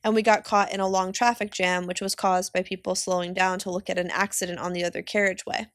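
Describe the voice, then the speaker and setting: A woman teacher reading a novel aloud for her class in a steady, plain way. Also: fairly low pitch, fast talker, no room sound, studio quality.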